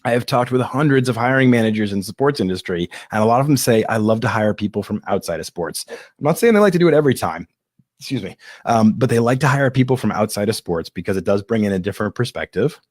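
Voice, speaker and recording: A man's voice: lowish voice, animated, quick pace, no echo, studio quality. A male podcast host answering live audience questions in a candid, self-deprecating, rambling way. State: coughing and hiccuping at times. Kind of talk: live-streamed casual Q&A.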